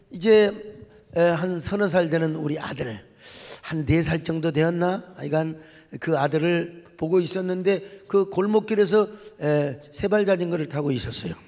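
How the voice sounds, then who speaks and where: A middle-aged male pastor preaching a sermon, telling a story and acting out voices, swinging from hushed tones to shouting. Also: a little high. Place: large church sanctuary. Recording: long hall reverb from a church.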